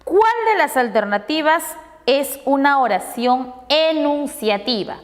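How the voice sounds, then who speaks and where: In a large hall, a Peruvian woman teacher goes over test answers with her pupils, posing questions and then answering them herself. Her voice is high and animated, and she takes her time, explaining as she goes.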